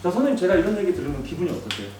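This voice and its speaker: A man giving a lively workshop lecture to teachers, acting out students and teachers in quick voices and asking the room questions. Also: high-pitched, recorded from a distance. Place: large basement seminar hall, in front of an audience. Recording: roomy echoing hall, mic from afar, faint music.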